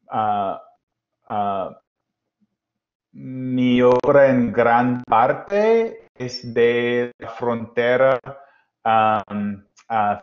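Slow, halting man, American accent in Spanish. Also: mid-range voice. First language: English. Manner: hesitant, searching for words. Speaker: guest lecturer. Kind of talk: informal lecture in halting Spanish mixed with English. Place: small room at home, indoors. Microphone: wired earphone headset on a video call. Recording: dull, lo-fi video-call audio.

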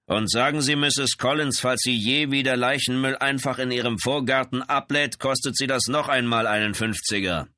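A man's voice: mid-range voice, normal speed, hardly any pauses, sharp tone, no room sound, studio quality, pitched above the performer's own voice, close to an everyday voice. A man voicing a brutal, mocking police lieutenant in an audiobook, barking orders with a sneer. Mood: mocking commands. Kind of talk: audiobook character voice.

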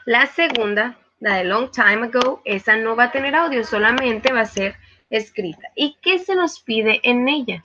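Teaching English live online, a female virtual tutor speaks at a moderate pace with a fairly high pitch and lively intonation. She explains patiently amid frequent hesitations, and the recording has its highs cut off and background noise.

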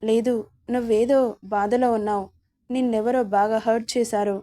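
A woman's voice: fairly high pitch, fairly even intonation, normal speed, mellow, lightly acted. A woman reading a doting protective father. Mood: concerned. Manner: concerned, reassuring.

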